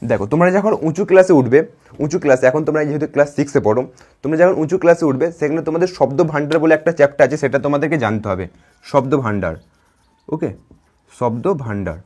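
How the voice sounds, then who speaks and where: Man, teacher, children's grammar class, rapid speech, slightly high voice, repetitive, keeps checking understanding. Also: a little mellow, slightly rough. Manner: repetitive, checks in with "ঠিক আছে?" often.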